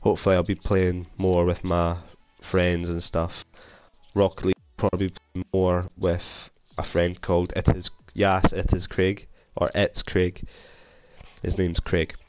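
On a low-quality console headset recording, a young Scottish man with a cold provides casual gameplay commentary for his YouTube gaming channel. He rambles and pokes fun at himself in a low, monotone, slightly mellow voice at a measured pace.

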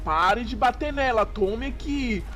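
A man voicing a young grown male Tyrannosaurus hero, soft-spoken and earnest. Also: very high-pitched, expressive, unhurried, a little hiss or hum, heavily acted. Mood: earnest heroic.

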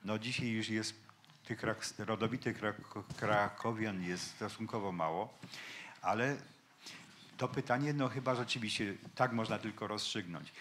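A man's voice: on the low side, unhurried, a bit bright, slight background noise. A man speaking as a linguist on a panel debate, explaining points to an audience in a lecturing way. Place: event hall with an audience.

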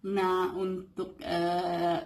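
A woman's voice: lowish voice, completely flat delivery, very slow, gravelly, a little mellow. A woman talking casually to camera, giving advice with many fillers and playfully acting out quoted lines. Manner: chatty, full of fillers, acts out quoted lines. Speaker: vlogger giving dating advice.

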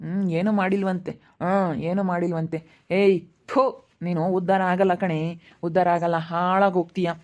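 Scolding female captor, played by a woman, flat delivery, Chitradurga Kannada accent. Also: lowish voice, measured pace, lightly acted. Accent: Kannada, Chitradurga region. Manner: scolding, taunting, flat threats. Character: bitter female captor scolding her prisoner. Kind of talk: amateur village drama.

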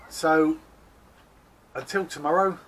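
A man's voice: fairly high pitch, fairly even intonation, takes it slowly, a bit bright, slight background noise. A man, chatting casually to a handheld camera at an allotment garden, joking about himself. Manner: chatty, self-mocking, laughs at himself. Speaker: allotment vlogger. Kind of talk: casual vlog chat. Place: outdoor allotment garden, by a shed. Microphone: handheld camera close to face.

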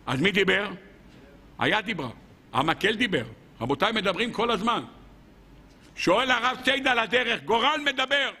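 Rabbi giving a Torah lesson, man with a high, sharp voice, lively and questioning. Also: long pauses. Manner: animated, rhetorical questioning.

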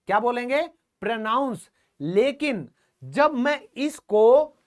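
A man teaching English in an online classroom lesson. He asks the class questions, answers them himself, and repeats the key words. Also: very high-pitched. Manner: calls the viewers "friends" often and repeats key words.

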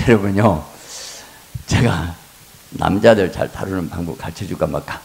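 A middle-aged man preaches a revival sermon in a low, gravelly voice. He turns animated, dropping into hushed asides and then rising to loud exclamations as he acts out how a wife and her husband talk. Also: unhurried. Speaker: pastor.

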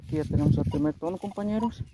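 A man's voice: a little high, quick pace, background noise. A man narrating his metal detecting outing outdoors in a casual, chatty way, calling his viewers companions and using lots of fillers. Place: outdoors in a rural field.

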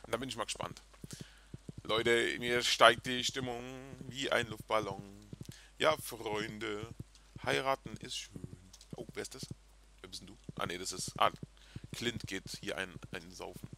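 A chatty, excitable man hosting a video game let's play and talking casually to his viewers. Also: lowish voice, unhurried, gravelly, a crowd in the background. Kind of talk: casual gameplay commentary. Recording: game music in background.

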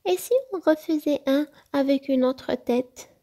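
A woman voicing a wise, calm little boy fox who talks gently and reassuringly in a storybook. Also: sits high, a little slow, pitched above the performer's own voice. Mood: gentle.

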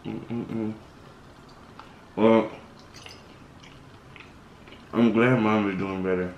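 A man's voice: lowish voice, very slow, roomy sound, muffled recording, a little hiss or hum. A man from the Caribbean, a vlogger and DJ, chatting casually and rambling between bites, talking while eating. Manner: relaxed, rambling, with food murmurs. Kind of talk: casual mukbang vlog chat.

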